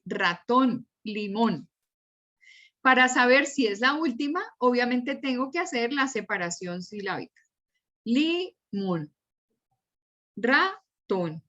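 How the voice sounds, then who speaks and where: A woman teacher lectures in an unhurried, careful way, going over her examples one by one. Her voice sits a little high. The sound is dull and lo-fi, like an online class. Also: a bit bright. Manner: patient, repeats and spells out examples. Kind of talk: slow, explanatory class lecture.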